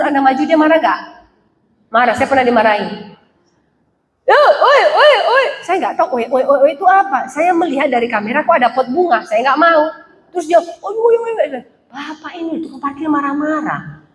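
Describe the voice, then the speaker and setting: A woman pastor preaching a sermon, telling humorous stories and acting out the people in them with lively shifts of voice. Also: sits high. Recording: echoey hall.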